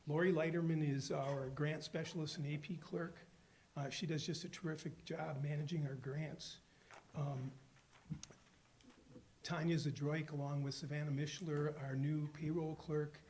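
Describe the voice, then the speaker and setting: A man with a hoarse voice from a cold, giving a formal budget presentation at a school board meeting, explaining steadily with frequent fillers. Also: on the high side, flat delivery, normal speed, a little mellow, slight background noise. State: hoarse from a cold, losing his voice. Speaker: school district finance official presenting the budget.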